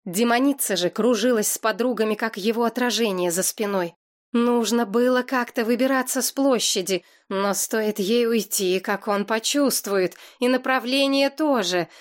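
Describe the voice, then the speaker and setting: A woman narrating a fantasy novel in a steady, lively storytelling voice. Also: a little high, moderate pace. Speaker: audiobook narrator.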